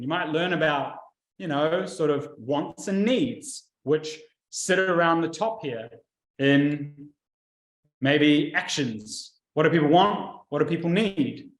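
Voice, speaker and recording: A man speaks casually to camera as a marketing coach, his voice sitting a little high. He tells his stories with lively, animated asides. The sound is roomy, with a clear echo around him. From New Zealand. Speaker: marketing coach and video host.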